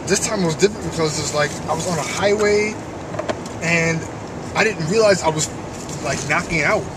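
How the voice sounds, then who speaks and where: Weary male vlogger, twenties, higher-pitched voice, rambling, recorded off-mic inside a car. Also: normal speed. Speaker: video creator, vlogger. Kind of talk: casual vlog chat. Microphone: camera in the car, off from the mouth. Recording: noisy car interior, distant mic.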